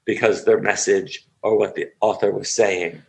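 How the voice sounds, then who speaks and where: Animated older man telling acting stories. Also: lowish voice, normal speed, creaky, poor audio. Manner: animated storyteller who acts out the people he describes. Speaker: acting coach. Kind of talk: storytelling interview.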